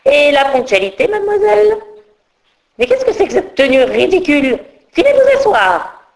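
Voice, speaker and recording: A woman's voice: sits high, big pitch swings, moderate pace, creaky, voice pushed up, exaggerated voice. A woman voicing a strict old fairy schoolmistress with a sour, piercing voice who scolds and barks orders in a storybook reading. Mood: scolding.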